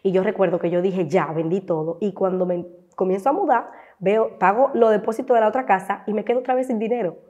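Guesting on a talk show, a woman content creator with a Dominican accent recounts her own story emotionally, imitating the voices of people from her memories. Her voice is medium-pitched and mellow with a quick pace, and the recording sounds muffled.

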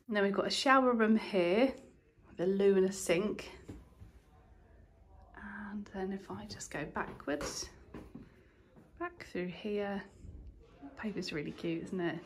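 A woman's voice: medium pitch, a bit bright. A woman in her forties, from England, chatting in a casual vlog and gushing over what she shows, filmed on a phone at arm's length. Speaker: vlogger. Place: indoors at home, in a car, walking through a rental house. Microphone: phone camera held at arm's length.

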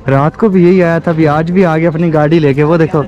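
A Pakistani-accented man in his twenties narrates a travel vlog outdoors, walking streets and gardens while filming on a handheld action camera at arm's length. His voice sits on the high side, a little mellow and fairly quick, with fairly even intonation and lo-fi sound. He's informal and chatty, calling viewers "brother."

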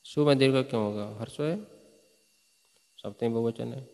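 A man's voice: medium pitch, normal speed, creaky, warm tone, big-room sound. A man teaching Sanskrit grammar to a class, chanting verses and quizzing students with frequent questions. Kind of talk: classroom lecture.

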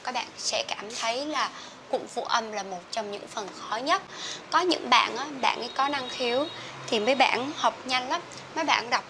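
A young Vietnamese woman teaching English pronunciation, saying each word slowly twice and then explaining. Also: on the high side, background noise. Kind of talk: pronunciation drill lesson.

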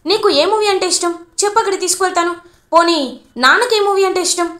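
A woman's voice: extremely high pitch, fast, a bit bright, voice pushed up. A woman voicing an eager young man pressing his mother with questions.

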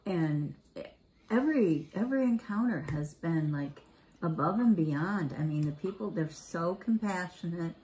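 Low-voiced woman, gentle and reassuring. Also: lively intonation, unhurried, low-quality recording. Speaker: guest. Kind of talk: casual heartfelt conversation.

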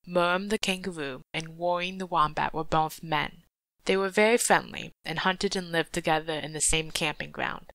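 A woman reading a folk tale aloud in a steady, measured way. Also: on the low side, no room sound. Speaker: audiobook reader. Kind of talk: storybook narration.

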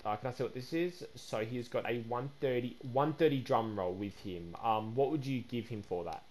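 A man hosting a game video, excitable and chatty, slipping into shrill indignation when he feels cheated. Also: moderate pace. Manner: excitable, repeats "guys" and "bro", turns shrill and indignant. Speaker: gaming YouTuber host. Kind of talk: gaming commentary with voice chat.

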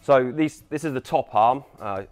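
A mechanic explaining car repairs in a matter-of-fact way, in a workshop. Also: male voice, mid-range voice, normal speed, soft background music.

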